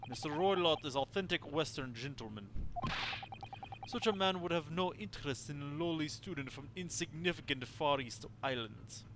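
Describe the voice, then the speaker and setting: Stern Russian ship guard, as a man puts him on, curt broken English, lively pitch over a noisy line. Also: normal speed, natural voice. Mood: dismissive. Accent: put-on Russian accent.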